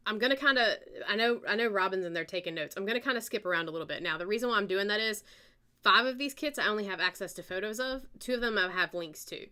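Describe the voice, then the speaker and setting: A woman with a Southern American accent hosts a live-stream auction in a relaxed, chatty way. Her voice has a bright, forward edge, and her pitch sits in the middle range for a woman. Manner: chatty, unhurried, reads out bids and details.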